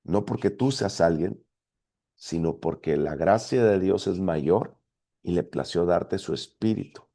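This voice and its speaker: A man's voice: low voice, unhurried, vocal fry, warm tone. A man preaching a sermon as pastor, emphatic and full of rhetorical questions. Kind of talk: sermon teaching.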